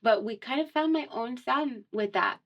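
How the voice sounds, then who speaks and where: A young woman from Miami, on the high side in pitch and speaking at normal speed, chats as a singer guest in a radio studio, and the highs in the audio are cut off. It's a casual conversational interview packed with "um" and "like," and she laughs a lot.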